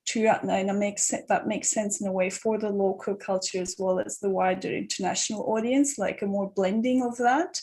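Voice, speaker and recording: Woman panelist from Turkey, mid-pitched, earnest and musing, filler-heavy speech. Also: gravelly, a little mellow. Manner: earnest, thinking aloud with many fillers. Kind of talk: panel discussion.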